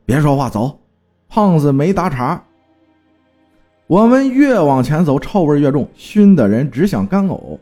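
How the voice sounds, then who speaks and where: A man's voice: on the high side, sing-song, unhurried, dark tone, faint music behind. A man telling a first-person horror story with dramatic storytelling and terse spoken commands.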